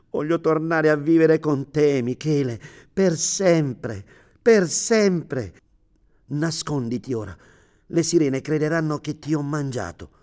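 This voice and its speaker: A man's voice: a little high, darkish tone. A man voicing a loving young mermaid wife in a storybook tale, pleading earnestly and urgently.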